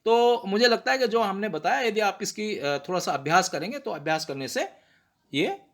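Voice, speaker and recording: A man giving a patient pronunciation lesson, sounding out words slowly and checking in with rhetorical questions. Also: high voice, expressive. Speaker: teacher of prayer pronunciation. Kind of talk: explanatory lesson.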